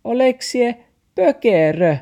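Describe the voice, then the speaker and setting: A man voicing a small, excitable talking dog in a storybook, with a Meänkieli accent and a shrill, yappy way of firing off short questions. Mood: indignant. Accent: Meänkieli (Tornedalen).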